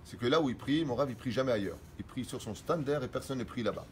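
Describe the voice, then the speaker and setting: Middle-aged rabbi teaching religious law. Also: male voice, medium pitch, animated, a little hiss or hum. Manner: reads Hebrew sources quickly, then explains in French.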